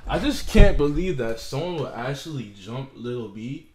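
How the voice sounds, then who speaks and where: A man's voice: medium pitch, lively intonation, moderate pace, darkish tone. Heated young man ranting in an echoey room. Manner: heated, profane, repeating himself. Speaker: vlogger. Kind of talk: angry rant to camera.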